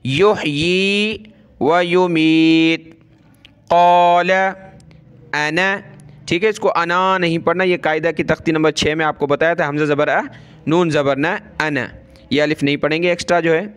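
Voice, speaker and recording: A man teaching Quran recitation, spelling out each word letter by letter and vowel by vowel before chanting it slowly. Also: on the high side, fairly even intonation, fairly bright tone, smooth.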